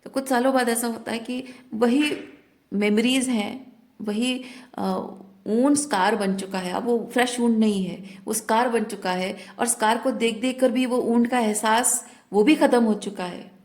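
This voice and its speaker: A woman's voice: on the high side, steady tone, normal speed, darkish tone. A woman tarot reader talking reflectively in a spiritual guidance talk, often mixing in English words.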